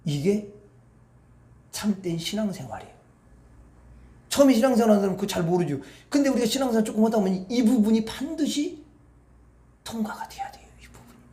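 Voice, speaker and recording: A man's voice: high-pitched, expressive, fairly quick, pauses often, mellow, reverberant. A man pastor preaching at an evening prayer meeting, talking to the congregation in a colloquial, conversational way and often asking them rhetorical questions.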